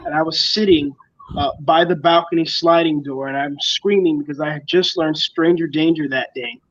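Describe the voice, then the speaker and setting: A man's voice: fairly high pitch, fairly even intonation, moderate pace, a bit bright, highs cut off. A young man from the Bahamas, a school board candidate, speaks confidently in a campaign interview. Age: young adult. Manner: confident, speech-like campaign delivery.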